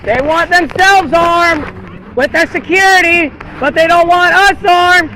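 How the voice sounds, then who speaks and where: An American protester speaks slowly in an extremely high voice outdoors by a busy road, repeating slogans and talking with people walking past. The street is noisy, with traffic audible behind him.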